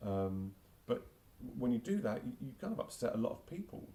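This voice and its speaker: His medium-pitched, mellow voice swings widely in pitch as he talks fairly quickly. A marketing automation specialist in his forties with a London accent, he answers interview questions hesitantly, with frequent fillers and restarts.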